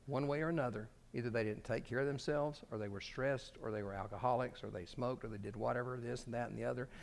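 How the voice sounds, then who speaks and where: A man preaching a sermon, swinging between loud emphasis and quiet asides and acting out quoted speech. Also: mid-range voice, steady tone, fast talker, creaky. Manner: acts out quoted speech in his telling. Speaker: pastor.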